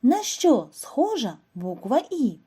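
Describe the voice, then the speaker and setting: Slow, soft-spoken woman teaching children. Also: sits high, big pitch swings. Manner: slow, clear, instructive delivery with questions to children. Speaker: primary school teacher. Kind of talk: scripted lesson narration for first graders.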